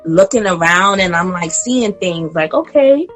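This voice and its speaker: A woman in her late twenties chats casually as a podcast guest, animated and often laughing, and now and then she addresses the listeners directly. Her voice sits on the low side and she speaks a little slowly, with soft music playing in the background.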